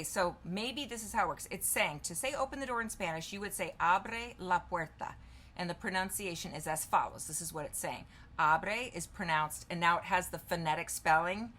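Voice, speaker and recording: A woman vlogger in her fifties, lowish in pitch and fairly bright in tone, chats informally to the camera during a demonstration. As she types she thinks out loud, then reads the answers from her screen.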